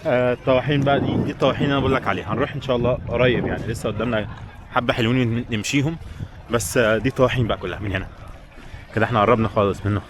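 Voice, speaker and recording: Over a noisy background of crowds and street sounds, a man with an Egyptian Arabic accent races through casual vlog chat in a steady, medium-pitched tone. He's walking outdoors in a busy tourist village, speaking directly to viewers.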